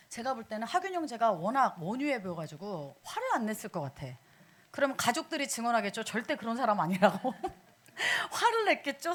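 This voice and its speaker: A woman preaching a sermon in a church, asking the congregation questions as she goes. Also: high-pitched. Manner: animated, asks the congregation questions.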